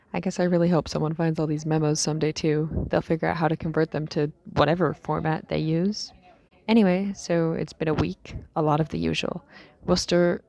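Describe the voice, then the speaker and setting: Casting: actress as tired young female apocalypse survivor, audio drama diary; low gravelly fry, halting, musing delivery trailing into breathiness. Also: a little mellow, dry recording. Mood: weary, resigned. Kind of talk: scripted audio diary monologue, fiction drama.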